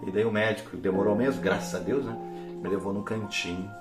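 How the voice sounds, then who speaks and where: A man giving an emotional church testimony, dropping to a hush and then rising to near-shouts. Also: on the low side, fairly even intonation, a little fast, music in the background. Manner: fervent, swings from hushed to near-shouting. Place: church hall. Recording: echoey hall with faint instrument.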